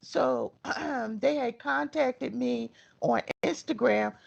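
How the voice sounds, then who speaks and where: A woman guest, an event organizer, speaking slowly and haltingly in a casual interview over a remote call. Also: high-pitched, gravelly, slightly rough, muffled recording. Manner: slow, halting, with fillers.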